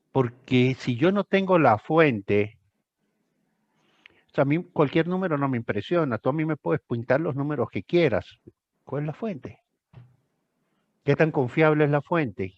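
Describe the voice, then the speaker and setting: A man's voice: fairly high pitch, dry recording, dull audio. Emphatic older man tutoring. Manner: emphatic, repeats phrases for stress. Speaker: thesis tutor. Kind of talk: one-on-one tutoring session.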